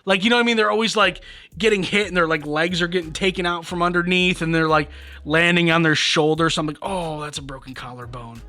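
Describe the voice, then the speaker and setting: A man's voice: high-pitched, fairly even intonation, quick pace, bright, forceful tone. A man co-hosting a podcast in a studio, chatting casually and making self-deprecating jokes. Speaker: podcast co-host. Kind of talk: casual chat.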